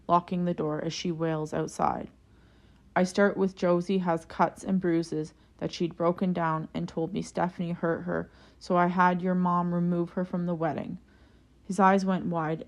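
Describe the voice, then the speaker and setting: Woman narrator, steady storytelling read, forum story, slightly low voice. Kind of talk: scripted narration of a forum post.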